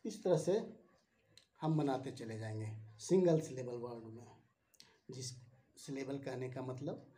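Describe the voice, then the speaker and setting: Slow Indian man teaching English grammar. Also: mid-range voice, mellow. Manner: slow, spells words out letter by letter and repeats them. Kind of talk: classroom grammar lesson.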